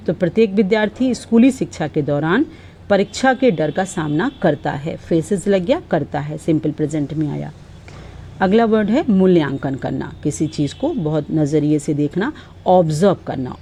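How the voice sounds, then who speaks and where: A woman teaches vocabulary. Her voice sits low and sounds mellow. She reads each example sentence slowly and carefully before explaining it. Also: breathy edge. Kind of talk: explaining word meanings.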